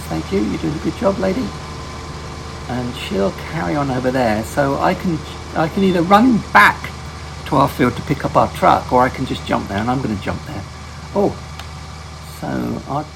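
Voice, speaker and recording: Man, gravelly voice, mid-pitched, rambling gameplay commentary, self-correcting, faint game engine hum behind. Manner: rambling, often corrects himself mid-sentence. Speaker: gaming channel host.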